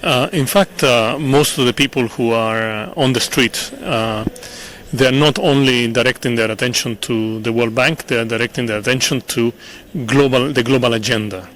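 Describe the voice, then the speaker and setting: A middle-aged man from Chile, answering interview questions in an earnest, measured way with frequent pauses and repeated words. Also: mid-range voice, steady tone, a bit bright, slight background noise. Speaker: interview guest, international official. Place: conference venue.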